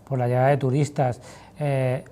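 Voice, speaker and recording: A woman with a dark, mellow voice works as a TV interviewer. She puts long questions in a formal, wordy way. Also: extremely low pitch, little pitch movement, moderate pace.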